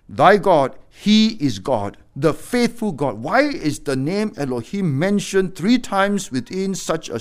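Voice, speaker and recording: A middle-aged man preaching a sermon as a pastor, swinging between loud exhortation and quiet, low warnings.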